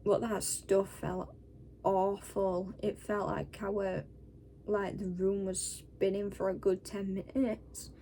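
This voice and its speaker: A Northern English vlogger, worn out and scratchy-throated from a wisdom tooth removal, tells a casual story to camera with blunt, sweary talk. Her dark, medium-pitched voice has little pitch movement, and she takes it slowly.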